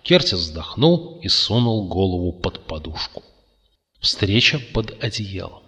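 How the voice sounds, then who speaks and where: Man, low voice, calm audiobook narration, long reverb. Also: measured pace. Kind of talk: audiobook story reading.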